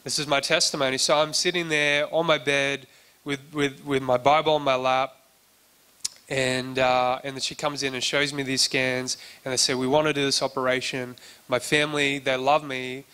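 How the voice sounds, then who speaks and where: A man's voice: mid-range voice, little pitch movement, moderate pace, sharp tone, smooth. A man preaching a sermon and telling his own story in a loose, conversational way, acting out the dialogue he quotes. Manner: conversational, acts out quoted dialogue, frequent restarts. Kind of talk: sermon testimony.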